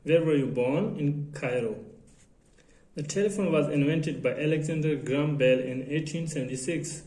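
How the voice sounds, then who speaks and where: A man teaching an English grammar lesson in a halting way, often repeating phrases and reading out example sentences. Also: on the high side, warm tone. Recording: echoey room.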